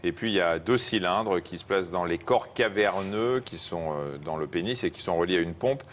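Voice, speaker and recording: A man's voice: sits low, moderate pace. A man presenting live news, bantering with a co-presenter and slipping in teasing, colloquial asides.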